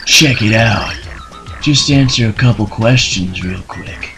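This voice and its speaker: With a fairly low pitch and a slow pace, a man plays a mellow, spaced-out stoner bomb creature from a video game. His drawled slang lines are peppered with invented explosion noises, and game music runs in the background.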